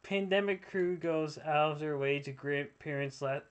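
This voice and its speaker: A man co-hosting a casual streamed podcast, snarky and quick to laugh, swearing freely. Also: on the high side, clean tone. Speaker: podcast co-host. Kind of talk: casual chat on a live stream.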